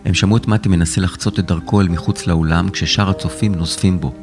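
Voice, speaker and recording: A man narrating a serialized children's story in a steady, dramatic way. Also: low-pitched, over music.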